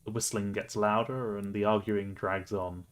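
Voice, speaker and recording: A man's voice: on the low side, level tone, normal speed. Man streamer reading a game aloud. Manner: playful, laughing asides.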